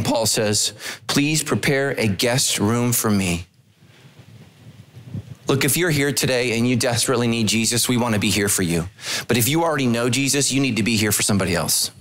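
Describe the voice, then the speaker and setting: A middle-aged man, a pastor, preaching a sermon on a large church stage into a handheld microphone, telling stories with humorous asides. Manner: animated storytelling with humorous asides, pitch swinging widely.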